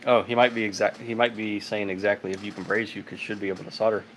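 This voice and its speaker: A man hosts a casual live stream from his home garage, filmed on a phone on a tripod, chatting and laughing as he reads out viewer comments. His voice is on the low side, level and quick, in a low-quality recording with slight background noise.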